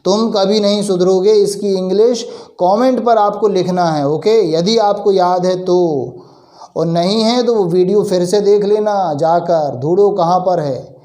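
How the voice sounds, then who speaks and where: Slow, high-voiced man teaching English phrases. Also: warm tone, echoey room. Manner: explains patiently, asks the class questions and answers them himself; reads English phrases out slowly and deliberately. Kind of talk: Hindi-medium English lesson.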